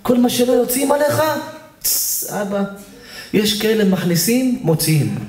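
A male rabbi giving a sermon at a community evening, animated, firing questions at the audience and calling on listeners by name. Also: high voice, soft background music. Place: lecture hall at a community evening. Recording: echoey hall.

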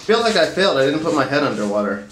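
Young male vlogger, in ice cold water, casual talk, distant mic with clear background noise. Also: fairly high pitch, very animated, fast talker. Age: young adult. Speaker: vlog host doing a challenge. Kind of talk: casual vlog chat. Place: small tiled bathroom, in the bathtub. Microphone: camera a few steps away. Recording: roomy echoing bathroom, distant mic, noisy.

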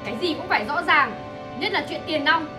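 An actress playing a young daughter-in-law defending herself against a false accusation in a TV drama. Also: female voice, sits high, lively intonation, brisk. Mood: indignant. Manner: defensive, indignant. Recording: distant voice over loud music.

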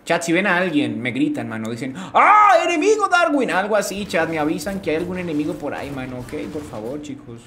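Chatty male game streamer, lively pitch. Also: fast talker, few pauses. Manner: chatty, greets chat, slangy. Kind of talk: live game streaming commentary.

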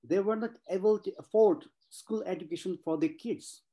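This conference speaker, a Nepali man in his forties, delivers an earnest personal talk to an online panel, leaning on repetition for emphasis. His voice sits high with a dark tone, at a normal speed.

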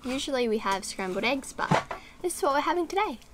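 A woman's voice: sits high, a little fast. Teen girl vlogger, casual and giggly, talking into a handheld camera on a boat, with audible outdoor noise. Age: teens. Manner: relaxed, chatty, giggly with fillers. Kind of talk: casual vlog chat. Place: on a sailboat outdoors. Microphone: handheld camera at arm's length.

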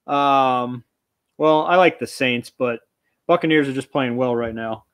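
In a small indoor storage room lined with shelves, a man in his thirties hosts a relaxed live auction stream, his voice medium in pitch, clean, and measured in pace. He chats and reads viewer comments aloud while moving about, so the desk webcam mic sometimes catches him from farther away.

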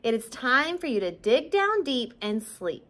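A woman's voice: on the high side, big pitch swings, unhurried, a bit bright. A woman voicing a busy skunk eager to spread news in a storybook read-aloud, calling out eagerly.

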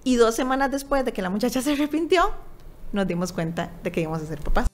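A woman's voice: a little high, quick pace, soft background music. Costa Rican woman telling a personal story. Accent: Costa Rican Spanish. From Costa Rica. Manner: animated, acts out dialogue in her story. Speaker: interview guest.

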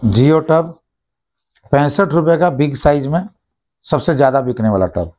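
A shop owner in his thirties briskly runs through plastic goods and their prices, repeating each price, in a slightly high, slightly mellow voice with lively intonation. He was recorded indoors on a lapel mic in a small shop office.

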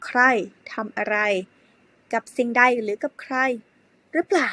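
A woman teaching an English grammar lesson to primary pupils, speaking slowly and spelling words out letter by letter. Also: on the high side, no room sound. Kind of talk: slow spelled-out classroom lesson.

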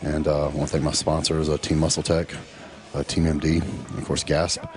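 A middle-aged man, casually narrating in a laid-back, drawn-out way full of fillers. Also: extremely low pitch, monotone, darkish tone, faint music behind. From Texas. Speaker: professional bodybuilder.

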